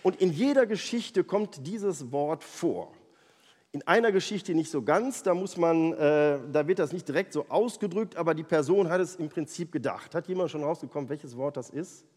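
Animated man telling Bible stories. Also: a little high, moderate pace. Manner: lively, animated storyteller. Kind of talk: Bible storytelling to a group. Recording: long hall reverb.

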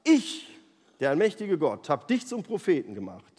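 Man doing god, solemn and emphatic, higher voice, echoey hall. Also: huge pitch swings, normal speed, a little mellow, breathy edge, exaggerated voice. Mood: commanding. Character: God, commanding and reassuring. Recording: long hall reverb.

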